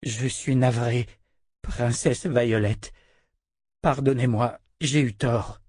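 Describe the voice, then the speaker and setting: A proud, tormented male prisoner, restrained and measured even under pressure, as a man reads him. The voice sits at an ordinary male pitch. The recording is dry and close. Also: husky, dry recording. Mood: contrite.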